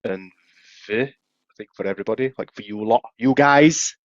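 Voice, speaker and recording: A man's voice: lowish voice, moderate pace, no room sound. A man with a broad Yorkshire accent co-hosting a podcast, telling rambling stories in casual banter. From Yorkshire, England. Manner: chatty, rambling storyteller. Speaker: podcast co-host. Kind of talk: casual pub-banter chat. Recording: dry, slightly dull podcast audio.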